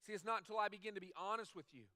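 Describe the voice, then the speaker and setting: A man's voice: high-pitched, very fast, pushed and bright, no echo, clean studio sound. A man preaching a sermon as a pastor, talking conversationally and repeating phrases for emphasis. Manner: acts out quoted dialogue in other voices.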